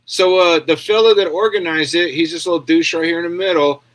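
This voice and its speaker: A man's voice: a little high, fairly even intonation, fairly quick, a bit bright. Crude, rambling male commentator. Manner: crude, rambling, sarcastic, frequent "yeah?" tags. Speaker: commentary host. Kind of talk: casual commentary on clips.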